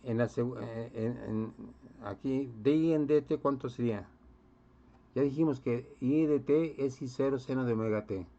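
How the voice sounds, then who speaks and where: A man's voice: medium pitch, moderate pace, mellow. A man lecturing on physics to a class, often checking in with students and quizzing them. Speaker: physics teacher. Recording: dull lo-fi recording.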